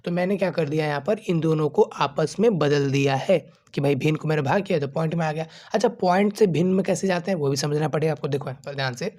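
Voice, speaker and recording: A man's voice: fairly high pitch, fast, hardly any pauses, darkish tone. A man teaching a maths lesson to students, explaining step by step and asking and answering his own questions in a casual, friendly way. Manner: informal, calls students 'bachche' and 'bhai'. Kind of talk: classroom-style video lesson.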